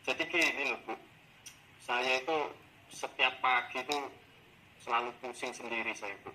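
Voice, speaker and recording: A man with a sharp, bright voice takes the part of a teacher in a coaching role-play. He complains in an animated, exasperated way about his pupils. The recording carries a faint background hiss. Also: medium pitch, normal speed, rough recording. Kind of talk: role-played coaching session.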